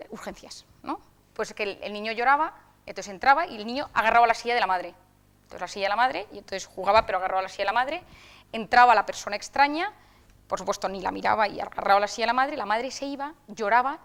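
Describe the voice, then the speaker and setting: A young woman giving a talk and fielding questions at a brisk clip. Her voice sits a bit high. She tells her examples like stories and acts out the people she quotes. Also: a bit bright. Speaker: psychiatrist speaker. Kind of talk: conversational talk answering audience questions.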